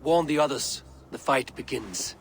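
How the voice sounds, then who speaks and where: A man's voice: mid-range voice, expressive, a little slow, slight background noise. A man playing a resolute Norse god-king and war leader in a video game, terse and authoritative. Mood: grave, urgent. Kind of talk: dramatic video game acting.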